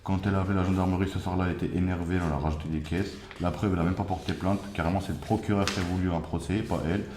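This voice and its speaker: A man playing a defensive young husband, deep voice. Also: fairly even intonation, rapid-fire, few pauses, a little mellow, roomy sound, slight background noise, lightly acted. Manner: hesitant, many fillers. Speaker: suspect. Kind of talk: amateur acted interrogation.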